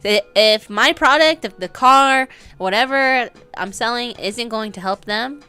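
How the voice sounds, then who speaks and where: A woman's voice: a little high, a little slow, sharp tone, smooth, faint music behind. A woman co-hosting a casual talk show, laid-back and slangy, often laughing. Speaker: podcast co-host. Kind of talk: casual chat.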